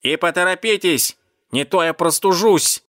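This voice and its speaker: A man's voice: mid-range voice, lively intonation, normal speed, fairly bright tone, no room sound, clean studio sound, lightly acted. A man voicing a grumpy, rude male cat stuck in a sewer, grumbling and snapping at the people above. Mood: snappish.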